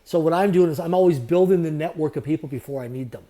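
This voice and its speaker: Male podcast guest, fast delivery, warm dark tone, upbeat business talk. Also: fairly high pitch. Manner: fast, repetitive motivational phrasing. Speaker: guest, entrepreneur. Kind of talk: podcast interview.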